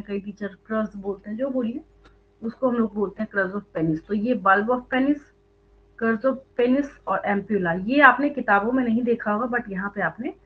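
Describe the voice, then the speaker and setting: Woman, biology teacher, online class, repeats questions to quiz students, mixes in English terms, higher voice, tinny phone-like audio. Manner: explains step by step and quizzes students with repeated questions.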